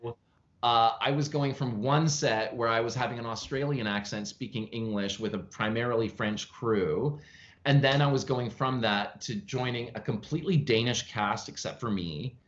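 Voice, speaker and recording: Man, actor guest, animated storyteller, mid-pitched, chatty, lo-fi video call audio. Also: moderate pace. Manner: frequent fillers and restarts, chatty. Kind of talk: casual interview over video call. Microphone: video call from home.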